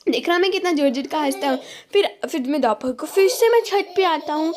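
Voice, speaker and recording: A woman's voice: high-pitched, animated, a little fast, a crowd in the background. A woman voicing a mischievous, boastful little boy, narrating his day in a playful sing-song way with lots of repetition.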